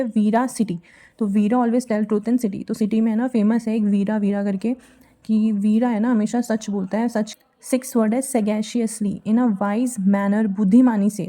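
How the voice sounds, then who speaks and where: Young female vocabulary tutor, mellow tone, slightly high voice, mixes Hindi and English. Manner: explains in Hindi mixed with English phrases. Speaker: vocabulary teacher. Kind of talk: mnemonic vocabulary lesson.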